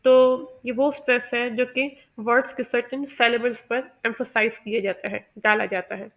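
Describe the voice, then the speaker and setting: A woman teaching pronunciation, explaining carefully and often pausing with "uh". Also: fairly high pitch, fairly even intonation. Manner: measured and explanatory, with many "uh" pauses. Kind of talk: explanatory lesson.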